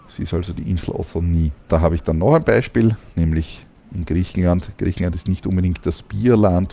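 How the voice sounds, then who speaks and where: Male language teacher, deep and gravelly, calm explanatory delivery. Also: a little hiss or hum. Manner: calm, explanatory, with frequent fillers. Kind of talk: explaining Greek pronunciation.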